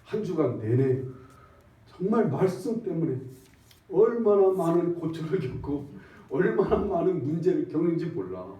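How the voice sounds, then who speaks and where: A man in his sixties, a pastor, preaching in a conversational style that swings from loud emphatic bursts to hushed near-whispers. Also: fairly high pitch, big pitch swings, unhurried. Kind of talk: sermon. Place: church sanctuary. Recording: echoey dull church recording from far off.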